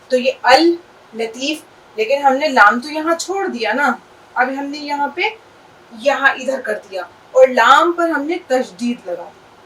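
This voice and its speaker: A woman's voice: sits high, a bit bright, distant mic, slight background noise, low-quality recording. A woman teaching Urdu at a whiteboard, patiently repeating and spelling out words for her students. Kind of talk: explaining at a whiteboard.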